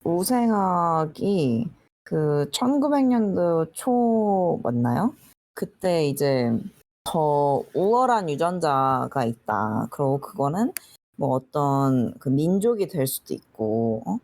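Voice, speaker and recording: A woman's voice: low-pitched, very animated, slow pace, a little mellow. A woman co-hosting a casual podcast, explaining hesitantly as she searches for words. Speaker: podcast co-host.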